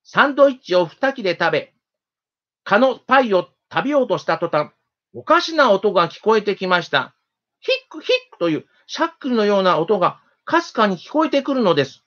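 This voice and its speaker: A storyteller reading a children's story aloud in a gentle, steady, expressive manner. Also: medium pitch, brisk. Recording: dull lo-fi recording.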